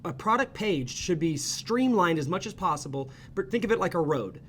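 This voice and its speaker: A man walking viewers through a screen-share tutorial as an ecommerce consultant, energetic and chatty, checking in with "okay?" and "right?" after each point. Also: high voice, normal speed, slight background noise.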